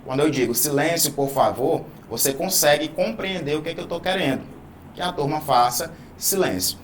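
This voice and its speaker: A man's voice: a little high, lively intonation, a little fast, a little hiss or hum. A man teaching a Portuguese grammar video lesson, explaining patiently, drawing out key words and checking in often with "né?" and "tá?". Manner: didactic, stretches key words, frequent "né?" and "tá?".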